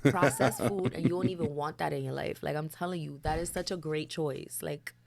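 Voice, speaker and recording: A woman in her thirties from the Dominican Republic, raised in the US, chatting casually as a podcast guest, animated and quick to laugh. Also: sits low, gravelly. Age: 30s. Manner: animated, laughs often, emphatic. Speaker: guest poet. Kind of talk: casual chat.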